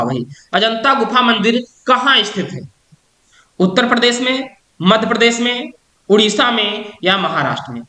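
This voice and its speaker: A man teaches an exam-prep lesson in a bright, forceful voice. He poses each question aloud, answers it himself and repeats the key answers slowly so they stick. The sound rings around an echoey room. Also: high voice.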